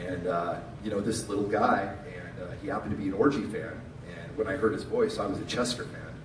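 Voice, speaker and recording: A middle-aged man speaks at a funeral in a fairly low voice, giving a tender, informal eulogy. His delivery falters, with pauses and repeated words. He is heard at a distance from the microphone in an echoey space, with clear background noise. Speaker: eulogist, friend of the deceased.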